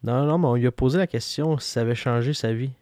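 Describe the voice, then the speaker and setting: A man's voice: medium pitch, fast, darkish tone, no room sound, clean studio sound. A man with a Québécois accent hosting a casual boxing podcast, chatting with fillers and hesitations. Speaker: podcast host.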